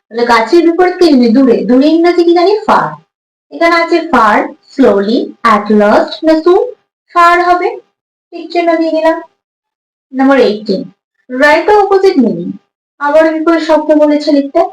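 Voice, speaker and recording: High-voiced woman teacher explaining exam questions. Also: roomy sound, low-quality recording. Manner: reads English questions slowly, explains in quick Bengali.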